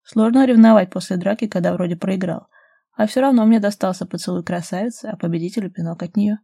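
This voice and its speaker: A woman reading the lines of a tough young fighter who teases his girlfriend gruffly. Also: mid-range voice, fast talker, dark tone, dry recording, studio quality. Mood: teasing. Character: tough young man, fighter, teasing lover.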